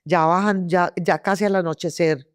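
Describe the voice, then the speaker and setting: A woman's voice: lowish voice, steady tone, normal speed, dry recording, studio quality. A Colombian woman telling her story as an interview guest, vivid and full of restarts and repeated words. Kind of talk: personal testimony in an interview.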